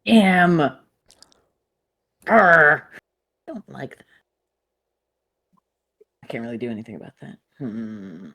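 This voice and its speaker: A woman's voice: very deep voice, sing-song, takes it slowly, pauses often, fairly bright tone. A woman playing a tabletop game, asking questions about the rules and often apologizing. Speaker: player. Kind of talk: casual tabletop play.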